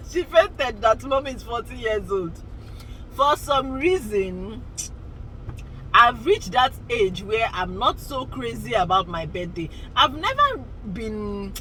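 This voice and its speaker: Chatty lady, 40s, bright ringing voice, rambles along and laughs a lot. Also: a little high, slight background noise, low-quality recording. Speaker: vlogger. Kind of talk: casual chat to camera.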